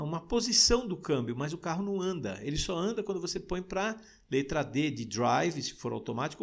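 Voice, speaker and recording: A man who speaks Portuguese natively, teaching an English lesson, explaining patiently and saying example phrases slowly. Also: fairly high pitch, gravelly, breathy edge. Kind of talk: recorded audio lesson.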